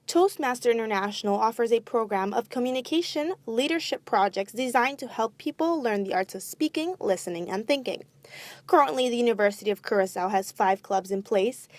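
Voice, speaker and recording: High-pitched woman news host. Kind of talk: scripted news narration.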